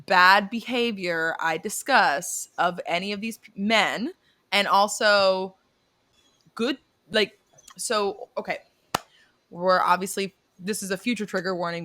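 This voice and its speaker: In a bright, pushed, medium-pitched voice, a young podcast co-host keeps the casual chat lively. She laughs frequently and lets the odd swear word slip.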